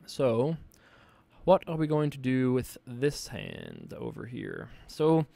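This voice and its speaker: A man hosting his own poker series, thinking aloud in a relaxed, joking way while he plays hands online. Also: medium pitch, takes it slowly, vocal fry, no echo. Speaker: poker player and show host. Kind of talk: casual online poker commentary. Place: home desk setup.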